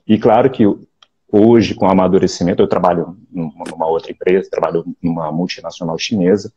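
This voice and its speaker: A Brazilian actor from Rio de Janeiro, in his late forties, chats casually as an interview guest over a video call with a Carioca Portuguese accent. His low, brisk voice has a breathy edge, and the recording is muffled. He sounds relaxed and reflective, often restarting sentences and adding "né?"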